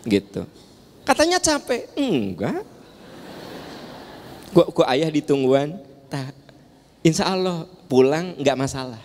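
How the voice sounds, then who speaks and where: A man's voice: a little high, big pitch swings, slow pace, pauses often, darkish tone, slight background noise. A man with a Sundanese accent giving a playful, teasing sermon in a large mosque, joking with the audience and asking them questions. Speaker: preacher. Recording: long hall reverb in a large mosque.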